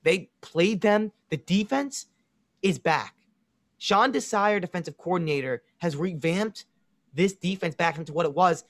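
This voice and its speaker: A man's voice: sits high, a little slow, no echo. A man with a Chicago accent co-hosting a casual sports podcast, confidently analyzing teams and making predictions. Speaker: podcast co-host.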